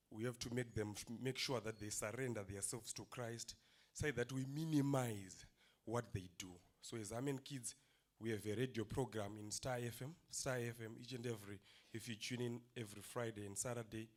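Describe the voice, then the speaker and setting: Low-voiced man reporting. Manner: plain, earnest, halting with fillers. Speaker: ministry leader giving a report. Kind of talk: impromptu report at a convention. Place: convention hall.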